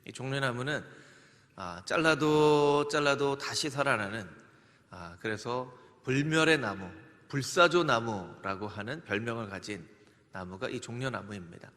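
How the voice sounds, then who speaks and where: Earnest pastor in a reverberant church. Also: male voice, medium pitch, unhurried, fairly bright tone. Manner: leads congregation in greetings and recitation, earnest. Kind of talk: sermon. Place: church sanctuary. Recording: long church hall reverb.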